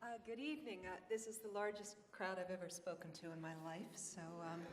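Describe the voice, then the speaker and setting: A woman's voice: fairly low pitch, fairly quick, noisy background. A woman program manager speaking at a conference, a little nervous and informal. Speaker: program manager presenting awards. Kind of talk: conference speech. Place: large conference hall. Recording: hall reverb.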